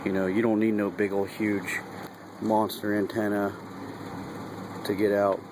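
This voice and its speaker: Speaking unhurriedly in a fairly low voice with little pitch movement, a truck driver who demos as a hobby walks a handheld camera through a folksy, colloquial how-to in and around his vehicle. Vehicle noise and engine hum fill the background.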